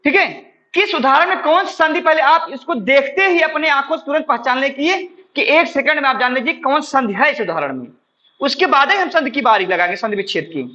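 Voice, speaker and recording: A lively, expressive grammar teacher on a lo-fi recording. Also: male voice, extremely high pitch, a little fast. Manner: asks questions then answers them himself, keeps saying "ठीक है"; addresses viewers as friends, explains step by step. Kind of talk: exam-prep classroom lesson.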